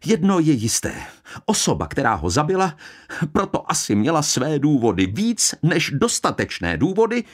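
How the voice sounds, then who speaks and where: A man's voice: a little high, wildly swooping pitch, pitched above the performer's own voice. A man voicing a bitter young woman who speaks coldly, sharply and with contempt. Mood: scornful. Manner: cold, sharp, piercing, contemptuous. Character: bitter young woman, cold and scornful daughter.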